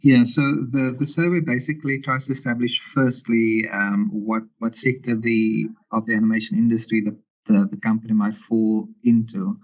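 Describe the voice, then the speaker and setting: A man's voice: lowish voice, flat delivery, normal speed, hardly any pauses. A man, a lecturer answering interview questions in an explanatory way over a narrow-band connection. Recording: muffled, phone-like narrow band.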